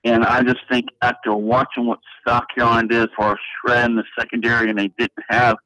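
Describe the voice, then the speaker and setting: A man's voice: mid-range voice, little pitch movement, fast, sharp tone, no echo. A man calling into a sports radio show over the phone, giving a casual, rambling prediction. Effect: heard over a phone line. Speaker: radio call-in caller. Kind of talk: casual call-in sports opinion. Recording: muffled, dull phone-line sound.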